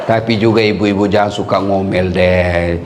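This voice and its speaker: A man's voice: deep voice, normal speed, heavy background noise. A male preacher giving a humorous sermon, telling jokes and stories and acting out the voices of different characters. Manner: animated, joking storytelling with acted-out voices.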